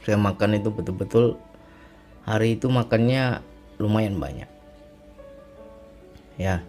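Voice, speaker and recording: A married man giving a reflective religious testimony, speaking slowly and often repeating phrases and asking "right?" as he tells of his illness and recovery. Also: fairly low pitch, a little mellow, faint music behind. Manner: reflective, repetitive, often ends with "ya kan". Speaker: speaker sharing a personal testimony.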